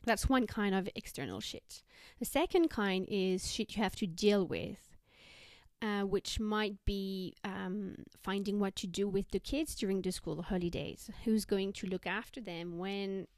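A woman hosting a self-help podcast, talking conversationally in a measured, explanatory way. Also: mid-range voice, darkish tone, no echo. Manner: measured, explanatory, listing examples. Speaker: podcast host.

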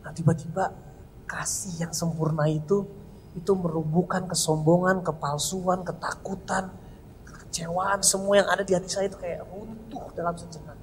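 A man's voice: sits high, little pitch movement, moderate pace. A man giving an earnest, heartfelt personal testimony to an audience in a large hall. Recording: reverberant hall with faint noise.

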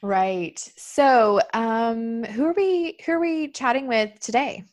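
A woman's voice: a little high, slow pace. A woman hosting a podcast, upbeat and laughing easily as she chats and interviews. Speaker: podcast host. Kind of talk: casual chat and interviewing.

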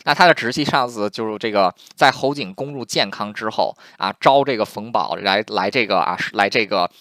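A man casually telling a history story in a lively, chatty way with lots of fillers. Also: on the low side, brisk, no echo.

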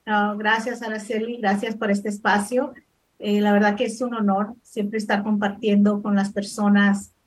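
A woman's voice: medium pitch, level tone, moderate pace, slightly rough. A middle-aged woman from El Salvador, a life coach answering interview questions modestly, with frequent hesitations. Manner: modest, hesitant with many fillers.

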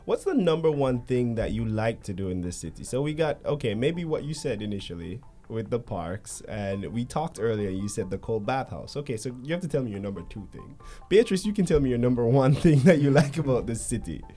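Host, bubbly, playful, lively pitch, faint music behind. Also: a little fast, few pauses. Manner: bubbly, playful, laughs a lot. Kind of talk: interview conversation.

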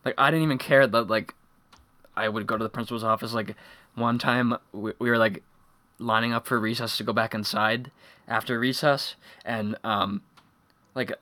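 A young man chats on a casual podcast, telling stories in a rambling, laid-back way with constant fillers. His voice sits in a middle pitch, and the recording is dry and close. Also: steady tone, normal speed, sharp tone, dry recording. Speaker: podcast co-host. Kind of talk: casual chat.

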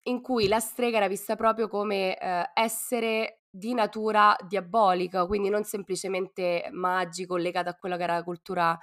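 A woman with a hoarse, cough-worn voice co-hosts a podcast, talking informally and playfully with plenty of slang. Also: medium pitch, level tone, normal speed, few pauses. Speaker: podcast co-host. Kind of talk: casual podcast talk.

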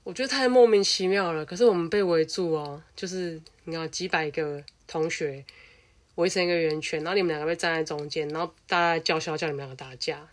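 Speaking in a deep voice, this young adult woman with a Taiwanese Mandarin accent recounts something that happened to her. She's casual, lively and blunt, cursing without holding back.

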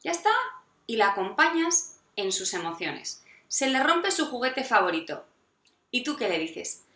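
Woman, parenting educator, expressive and lively, recorded in a roomy space. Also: on the high side, measured pace. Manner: animated, acts out quoted dialogue with parents and children. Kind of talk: advice talk to parents.

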